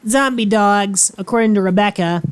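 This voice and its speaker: A woman's voice: mid-range voice, moderate pace, clear, resonant tone. A woman giving casual, dryly teasing banter as co-commentator on a video game playthrough. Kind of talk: casual let's-play banter.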